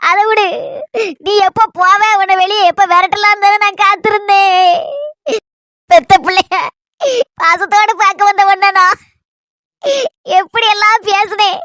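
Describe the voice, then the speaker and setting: A tearful younger sister, played by a woman in a homemade family drama, begging forgiveness through her crying and repeating her self-blame. The voice is very high and bright, and the sound is close and dry. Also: level tone, measured pace, pauses often, no echo, exaggerated voice. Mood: remorseful.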